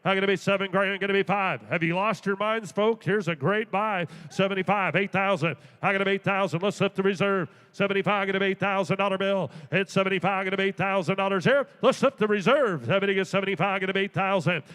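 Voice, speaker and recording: A man's voice: sits high, quick pace, few pauses, a bit bright, clear, resonant tone. A man working as an auctioneer, chanting bids in a rolling, repetitive patter with folksy asides. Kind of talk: rapid rhythmic auctioneer chant, calling bids. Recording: echoey auction hall with long reverb.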